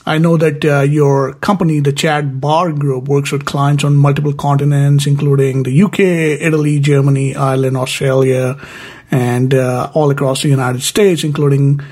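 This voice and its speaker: A man's voice: fairly high pitch, flat delivery, moderate pace, darkish tone. A man hosting an interview podcast, enthusiastic and filler-heavy as he sums up his guest's answers. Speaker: podcast host.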